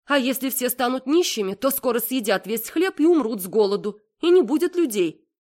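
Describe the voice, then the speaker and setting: A woman voicing a tearful middle-aged mother who pleads with her daughter in a high, anxious voice. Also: animated, a little fast, warm tone, lightly acted. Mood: pleading. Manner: high, pleading, close to tears.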